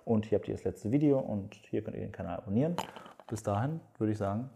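Young male co-host, lowish pitch, relaxed and conversational. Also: quick pace, creaky. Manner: relaxed, chiming in with short agreements. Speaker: podcast co-host. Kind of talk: casual chat.

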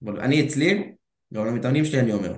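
A man's voice: mid-range voice, expressive, darkish tone. A man in casual podcast talk, coaching on dating with an easy, street-level directness and a habit of acting out both sides of a conversation. His mid-range voice sits in a noticeably roomy, echoing space. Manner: calls the listener bro, acts out dialogue. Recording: roomy echo.

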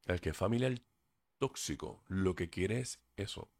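A deep, darkish, unhurried voice belongs to a man hosting a casual podcast by himself at a desk microphone. Earnest and somewhat preachy, he stumbles over words from time to time and drifts into English fillers.

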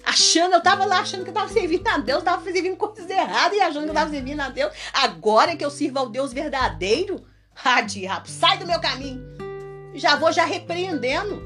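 A high-voiced woman with a mineiro accent preaches in a relaxed, conversational way. She is animated, breaks into laughter, and acts out little prayers. A faint guitar plays behind her. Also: fast. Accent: Minas Gerais Portuguese. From Minas Gerais, Brazil. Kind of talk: casual testimony and preaching talk.

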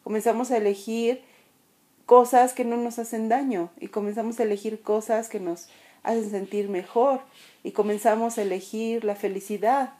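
A woman's voice: fairly high pitch, fairly even intonation, normal speed, warm tone. A woman giving a spiritual motivational talk. She speaks earnestly and directly to the listener, with restarts and repeated words, and acts out everyday voices in her examples.

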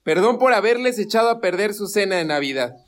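An actor playing an earnest, hurt young adult son in a radio drama. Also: male voice, sits high, lively intonation, a little fast. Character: young adult son, recovering addict, wounded.

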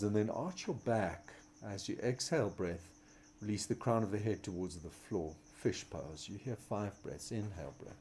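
A man leading a yoga class, giving calm, measured, soothing step-by-step cues for poses, breathing and relaxation. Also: on the low side, a little hiss or hum. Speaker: yoga instructor.

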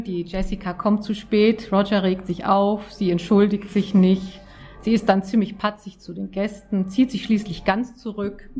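A woman telling and reading a story aloud with an expressive, lively delivery. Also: medium pitch. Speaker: audiobook reader. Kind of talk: storytelling narration.

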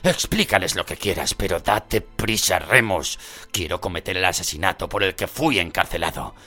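A man voicing a gaunt, vengeful escaped prisoner who speaks in slow, heavy growls. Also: sits low, animated, pushed and bright, full character voice.

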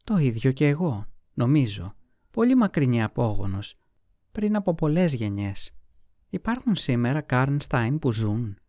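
A man voicing a languid, secretive young noblewoman in a storybook reading, with soft, sighing delivery. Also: medium pitch, sing-song, dry recording, clean studio sound, lightly acted.

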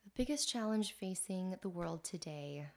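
A woman's voice: fairly low pitch, lively intonation, normal speed, darkish tone. A woman guest on a podcast, a scientist giving brief, plain answers. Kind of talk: casual podcast interview answers.

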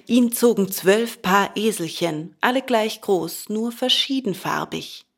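A woman reads a children's storybook aloud at a slow, deliberate pace. Her voice is mid-pitched and expressive as she narrates. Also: breathy edge, soft background music. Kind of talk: storybook reading.

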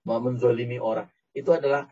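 A man giving a lively religious talk to a congregation, breaking into acted quotes and English words. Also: mid-range voice, fast talker. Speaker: preacher. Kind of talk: Islamic sermon to a live audience. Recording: dull, distant mic.

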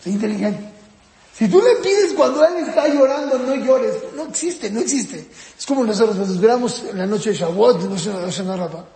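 A man teaching a parenting course in a casual, lively lecture style. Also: fairly quick, roomy sound, big-room sound. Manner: lively, jumps up and down in pitch acting out parents and kids.

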